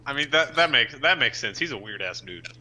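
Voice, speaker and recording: A man's voice: medium pitch, lively intonation, a little fast, crowd noise. A young man in casual group chat on a podcast, joking and swearing freely. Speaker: podcast host. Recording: noisy live stream audio.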